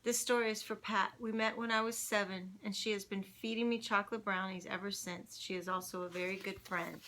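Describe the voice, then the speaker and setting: A woman reads a children's picture book aloud for kids at home, lively and chatty with little laughing asides. Her voice is bright and forward, sitting in a middle pitch. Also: brisk, a little hiss or hum. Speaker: singer reading a children's book online.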